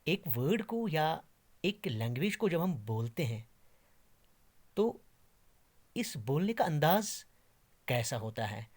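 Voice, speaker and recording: A man giving a slow, deliberate English pronunciation lesson, drawing out each word as he demonstrates. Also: fairly high pitch, very animated, a little mellow. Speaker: English teacher. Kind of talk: classroom lesson.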